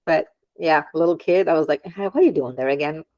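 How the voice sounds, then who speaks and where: Brief: low female voice, hesitant, dull dry recording. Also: a little fast, darkish tone, no echo. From Germany. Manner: hesitant, many ums, laughs often. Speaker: podcast guest, aromatherapist. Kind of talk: casual interview chat.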